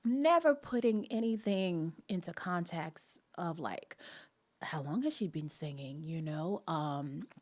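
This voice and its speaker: Slow and expressive, her fairly low-pitched voice has a Jamaican accent. She's hosting a live online talk, telling a personal story in a chatty, earnest, motivational way and laughing often between phrases.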